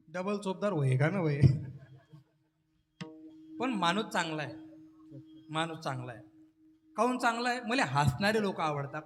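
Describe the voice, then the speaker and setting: A man's voice: high voice, a bit bright, in a large hall. A man preaching a devotional kirtan sermon, teasing the listeners and joking with them between verses.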